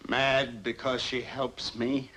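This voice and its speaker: Faintly noisy vintage film sound, menacing gentleman villain, mockingly polite, formal, measured pace. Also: mid-range voice, little pitch movement. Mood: smug menace. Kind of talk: 1940s horror mystery film acting.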